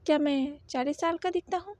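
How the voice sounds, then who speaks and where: A cold, threatening male company president in his thirties, put on by a woman narrating a storybook. The voice sits very high and sounds dry and close, with clipped, demanding questions. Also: brisk, darkish tone, dry recording, close to an everyday voice. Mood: stern. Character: stern 32-year-old male company president.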